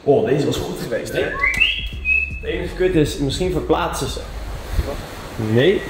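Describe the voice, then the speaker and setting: A man in his twenties with a Netherlands Dutch accent, chatting casually and excitably in slangy vlog style. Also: fairly high pitch, slow pace, very noisy. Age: 20s. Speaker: vlogger. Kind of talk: casual vlog chat during a game of hide-and-seek. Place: large villa, moving between rooms and outdoor terrace. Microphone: handheld camera at arm's length.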